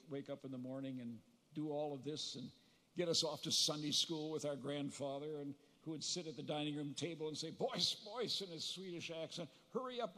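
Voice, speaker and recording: An older man gives a funeral eulogy for his brother at a podium microphone, telling family stories with gentle humor and pauses to recall details. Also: a little high. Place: large funeral hall. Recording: long reverb of a large hall.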